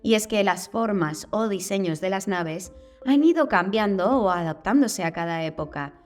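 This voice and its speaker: A woman's voice: mid-range voice, lively intonation, moderate pace, faint music behind. Chatty Spanish woman narrating, wry asides. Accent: Spain Spanish. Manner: casual, curious, with wry asides. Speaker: channel host.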